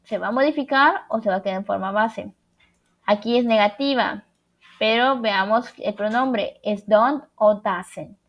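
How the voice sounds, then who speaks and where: A woman's voice: mid-range voice, measured pace, highs cut off. A young woman, patiently explaining a lesson and often checking that her students follow. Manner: patient, checks understanding with frequent questions. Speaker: English teacher. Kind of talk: recorded online class explanation.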